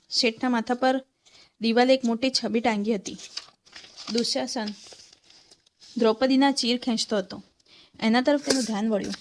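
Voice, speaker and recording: A woman's voice: fairly high pitch, slight background noise. A woman storyteller reading a short story aloud and voicing each character's lines.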